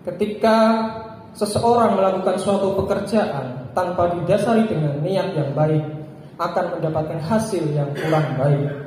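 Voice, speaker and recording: Male preacher giving a Friday sermon, high voice, measured short phrases, deep hall reverb. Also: darkish tone, slight background noise. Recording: echoey hall with long reverb.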